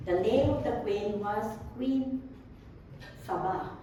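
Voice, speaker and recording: Female preacher, slow and mellow, halting delivery; distant mic, big echo. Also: mid-range voice. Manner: slow, halting with many fillers and restarts. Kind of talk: sermon. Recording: distant echoey room with faint background noise.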